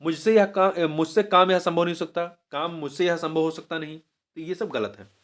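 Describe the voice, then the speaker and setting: A man with a somewhat raised voice works through a test paper question by question. He explains each answer and then says the key word again, slowly and clearly. Now and then he breaks off mid-word to correct himself. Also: fairly high pitch, steady tone. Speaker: exam prep teacher.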